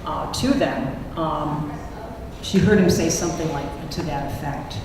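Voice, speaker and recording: A woman poet reads from her own book at a public event and then takes audience questions. Her voice sits low and she speaks a little slowly. The recording comes from an echoey hall with a distant mic and faint noise.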